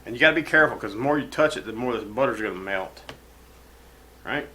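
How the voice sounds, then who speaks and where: A man's voice: mid-range voice, expressive, fast, pushed and bright, slight background noise. Rambling, foul-mouthed man cooking in a roomy kitchen. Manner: rambling, profane, folksy. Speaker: cooking show host. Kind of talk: casual cooking demonstration. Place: home kitchen.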